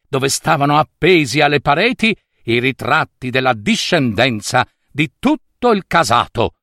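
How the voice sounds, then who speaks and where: Guy reading a fairy tale, slow and lively, dry close sound. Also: mid-range voice, no echo. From Italy. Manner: playful, slow and expressive. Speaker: storyteller.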